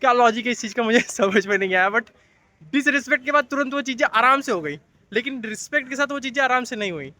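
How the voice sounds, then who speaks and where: Very bright, high-voiced young man vlogging. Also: lively intonation, fast, no echo, rough recording. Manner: chatty, storytelling rant. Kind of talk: casual vlog talk to camera. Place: Mumbai local train station and streets, outdoors.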